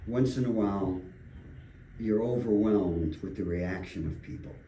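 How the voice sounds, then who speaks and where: A man's voice: fairly low pitch, a little slow, dark tone, slight background noise. An older man, a realtor, talking earnestly in a radio studio interview, telling stories with emphatic repetitions. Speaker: realtor guest. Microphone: desk microphone. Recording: roomy studio, distant mic.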